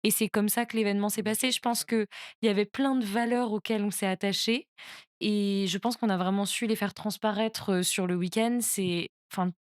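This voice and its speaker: A woman talking casually and easily on a podcast. Her voice sits at a middle pitch. The sound is dry and close. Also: fairly even intonation, fairly quick, no echo.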